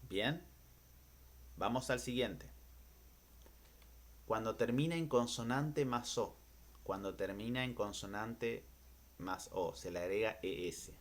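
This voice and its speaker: A man with an Argentine Spanish accent teaching an English lesson, repeating each word pair slowly, often checking with a quick question and pausing on fillers. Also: fairly low pitch. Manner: hesitant, many "eh" fillers. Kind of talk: recorded classroom lesson.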